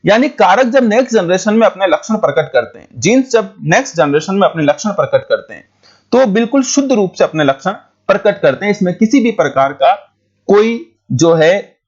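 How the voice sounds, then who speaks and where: A male teacher with a high voice explains a biology lesson at speed. He repeats key points and keeps checking that his students follow. The recording is dull and lo-fi. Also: sing-song, a little fast. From India.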